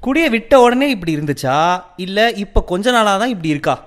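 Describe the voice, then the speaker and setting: A man playing a lively explaining neighbor. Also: high voice, quick pace. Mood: concerned. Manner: explanatory, reassuring. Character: calm educated elder neighbor explaining. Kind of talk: radio drama.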